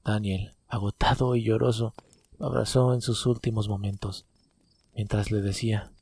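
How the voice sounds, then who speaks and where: A man tells a campfire horror story in dramatic narration. His voice is lowish, very mellow and breathy. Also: fairly even intonation, moderate pace.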